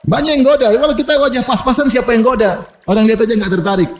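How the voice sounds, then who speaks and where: Lively high-voiced preacher. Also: male voice, quick pace, a little hiss or hum. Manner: animated preaching with humorous asides and quoted Arabic. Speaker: Islamic preacher. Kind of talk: sermon.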